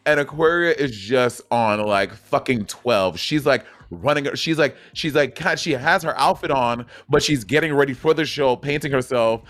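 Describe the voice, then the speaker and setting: A man in casual chat, an animated storyteller who swears freely. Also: medium pitch, moderate pace, hardly any pauses. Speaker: drag performer and co-host.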